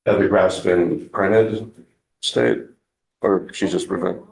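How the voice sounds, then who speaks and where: A courtroom recording of a man working as defense counsel. His voice is deep and creaky with flat intonation, and he questions haltingly, often restarting his phrases. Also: poor audio. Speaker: defense lawyer.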